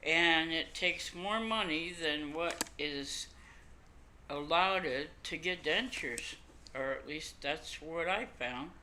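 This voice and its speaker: Slow, toothless older woman, lips over gums. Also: low-pitched, pushed and bright. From Canada. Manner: rambling, folksy, self-deprecating. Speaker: podcast host. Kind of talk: casual chat to camera. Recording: noisy amateur home computer recording.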